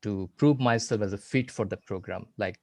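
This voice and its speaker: Low-voiced man, dry and measured. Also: gravelly, darkish tone, no echo. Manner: measured, halting, repeats words and restarts. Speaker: panelist, PhD student. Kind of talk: online panel talk.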